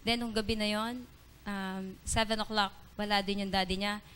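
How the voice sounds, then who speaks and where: A woman giving an earnest church testimony during an evening service, halting often with fillers and restarts. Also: medium pitch, fairly even intonation, a bit bright, a little hiss or hum. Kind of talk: spoken testimony in Tagalog-English mix.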